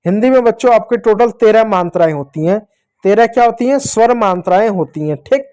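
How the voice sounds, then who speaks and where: A man with a mellow, warm-toned voice teaches young children to read. He stretches each sound out in slow drills, poses questions and answers them himself, and keeps checking in with the class. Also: high voice, animated, clean tone. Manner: slow, drawn-out pronunciation drills with repeated checks. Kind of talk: children's Hindi reading lesson.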